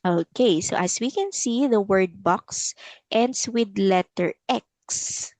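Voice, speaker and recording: A woman tutoring English one-on-one, drawing out each model word slowly and praising often. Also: medium pitch, darkish tone, no echo. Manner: slow, drawn-out model words. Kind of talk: online one-on-one English lesson.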